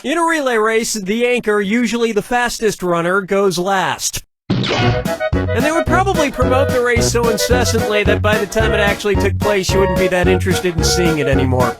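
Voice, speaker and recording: A sardonic game show host, with a high-pitched voice and a showy announcer's delivery. He is snarky and wisecracking in a comic scripted trivia game, over loud music. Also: expressive, normal speed. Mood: showy, wry.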